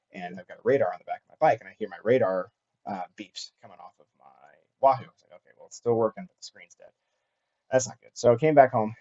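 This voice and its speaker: A man talking casually and unscripted as host of a cycling vlog, halting often with fillers and restarts. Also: on the low side, warm tone, lo-fi sound. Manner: halting, filler-heavy delivery with frequent restarts.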